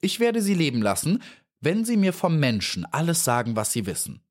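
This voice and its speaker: A man's voice: a little high, big pitch swings, normal speed, pitched above the performer's own voice. A man voicing a polite, shy little female honeybee in a storybook reading, earnest and well-mannered. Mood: stern.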